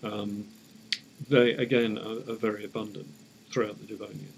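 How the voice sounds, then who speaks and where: A man speaking as an academic expert in an interview, explaining off the cuff in measured, hesitant short phrases. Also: fairly low pitch, steady tone, vocal fry, slight background noise, poor audio. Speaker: academic paleontologist, interview guest.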